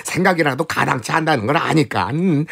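A man playing a fretful servile commoner, wailing, lively swooping pitch, gravelly, husky. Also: a little fast, full character voice. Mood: pleading. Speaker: radio comedy actor. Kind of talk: radio comedy sketch acting.

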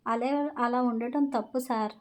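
A woman's voice: a little high, fairly even intonation, a little slow, natural voice. A woman reading as a bold, principled young woman. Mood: steady.

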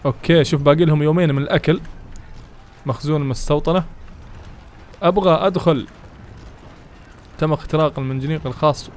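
A man giving excitable let's play commentary, chatting to his viewers and reading game text aloud as he plays. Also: on the high side, very fast, slight background noise. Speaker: gaming channel host.

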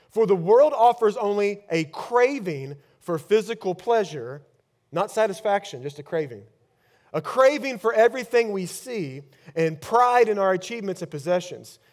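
Preaching on a large church stage, a pastor in his thirties speaks into a headset mic in a voice that sits high. He veers between loud bursts and near-hushed moments.

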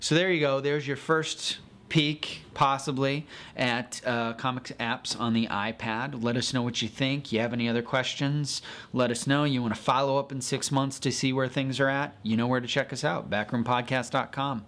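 A man's voice: medium pitch, normal speed, few pauses. Male podcast co-host, easygoing explainer, talking from inside a shop. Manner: relaxed, explanatory, with many fillers and restarts. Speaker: podcast co-host reviewing comic apps. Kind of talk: casual chat. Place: comic store, indoors.

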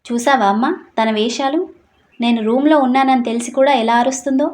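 A woman's voice: a little high, fairly even intonation, moderate pace, darkish tone, lightly acted. A woman voicing a teasing young husband. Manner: teasing, scolding.

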